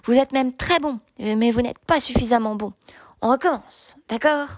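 A woman's voice: fairly high pitch, moderate pace, dry recording, studio quality, lightly acted. Woman voicing a boastful giant knight-king. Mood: taunting. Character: arrogant, mocking giant knight-king, man. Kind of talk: audiobook reading.

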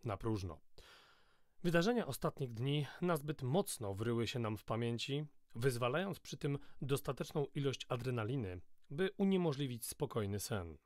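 Measured male audiobook narrator, dry sound. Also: medium pitch, no room sound. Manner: steady, measured storytelling. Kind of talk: scripted first-person novel narration.

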